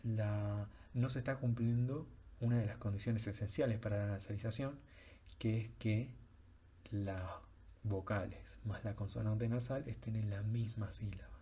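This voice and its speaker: Patient, husky-voiced male teacher. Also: fairly low pitch, fairly even intonation, moderate pace, dark tone. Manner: patient, explanatory, with frequent fillers. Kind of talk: recorded lecture on French pronunciation.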